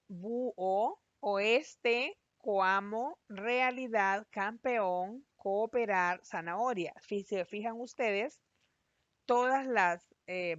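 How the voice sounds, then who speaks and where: A woman teacher giving a recorded class, explaining patiently and spelling out syllables slowly. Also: mid-range voice, a bit bright, no room sound. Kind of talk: recorded online class lesson. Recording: dry, slightly dull lo-fi voice-over.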